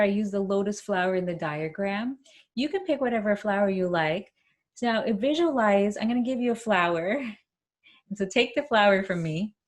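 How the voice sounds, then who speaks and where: A woman with a medium-pitched voice works as an instructor, explaining breathing techniques in a conversational way. She guides listeners step by step and checks in often as she goes. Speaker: breathing instructor and health practitioner.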